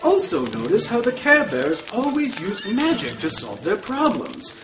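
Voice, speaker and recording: A man's voice: extremely high pitch, huge pitch swings, heavily acted. A man playing a gleeful, scheming male devil who cackles and draws out his words. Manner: cackling, drawn-out sinister delivery. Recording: echoey room, music behind.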